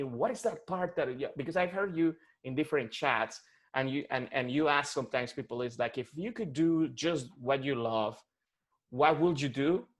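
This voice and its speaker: A man in his forties from Colombia with a Colombian Spanish accent, talking haltingly with many restarts as a client in a one-on-one coaching session over a video call. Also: mid-range voice. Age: 40s.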